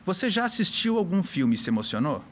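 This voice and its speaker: A man from Brazil talks as a hypnotherapist guest on a casual chat show. His voice sits a little high, and he explains eagerly, acting out little scenes along the way. A faint hiss runs under the recording. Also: big pitch swings, fast talker.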